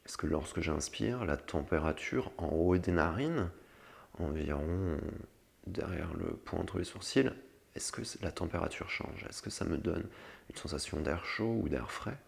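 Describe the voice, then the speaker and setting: Low, gravelly man guiding a meditation. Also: lively intonation, a little slow. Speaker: meditation guide. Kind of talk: guided breathing meditation instruction.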